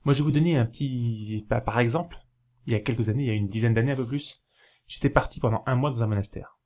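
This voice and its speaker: A man talking casually to camera, giving practical tips in a rambling, hesitant way, with many fillers and self-corrections, slowing down to spell things out. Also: medium pitch, a little mellow. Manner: explains slowly, spelling things out while writing. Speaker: video host giving learning tips.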